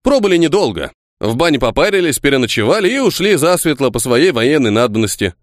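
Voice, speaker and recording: A man's voice: on the high side, sing-song, fast, dry recording, studio quality, voice pushed up. A man voicing a retired army sergeant and estate servant, giving his report in dutiful, soldierly folk speech.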